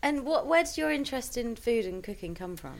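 Woman host, high and lively voice, encouraging interviewer. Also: brisk, creaky. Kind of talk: casual interview.

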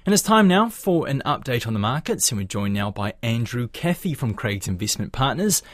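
A man's voice: medium pitch, very animated, normal speed, dry recording. New male business news presenter, dry studio. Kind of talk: scripted news reading and interviewing.

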